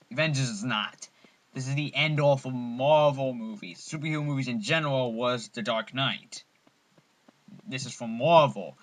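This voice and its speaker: A man with a bright, forceful voice talks through a movie review in a loose, unscripted way. He stumbles and restarts often, filling the gaps with ums while staying eager about the film. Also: mid-range voice. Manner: rambling, full of ums and restarts; enthusiastic fan. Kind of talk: casual spoken film review.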